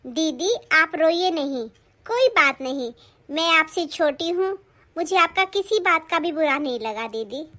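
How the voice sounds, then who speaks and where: A woman voicing a kind, humble young daughter-in-law in a Hindi cartoon, speaking softly and consolingly. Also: sits high, lively intonation, unhurried, full character voice. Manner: soft, consoling.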